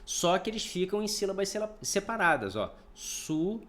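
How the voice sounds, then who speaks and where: A man's voice: sits high, big pitch swings, a little fast, a bit bright. A man teaching a recorded grammar lesson, explaining step by step, often checking in with his students and sounding out words syllable by syllable. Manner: explanatory, repeats points, checks in with "tá?". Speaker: Portuguese teacher.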